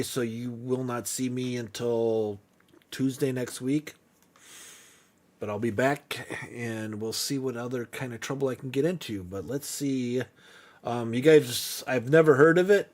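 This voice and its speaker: A man's voice: medium pitch, normal speed. Laid-back man chatting on a game stream. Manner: relaxed, muttering to himself, laughs easily. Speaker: livestream host. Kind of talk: casual gameplay chat.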